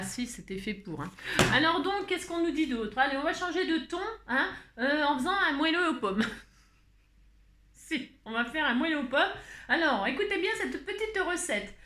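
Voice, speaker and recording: Craft vlogger: Burgundian-accented woman, rambling and self-mocking, voice set a bit high, recorded in a room with audible echo. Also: pushed and bright. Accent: Burgundian French. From Burgundy, France. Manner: rambling, chatty, laughs at herself often. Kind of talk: casual chat and craft tutorial. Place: indoor room away from home.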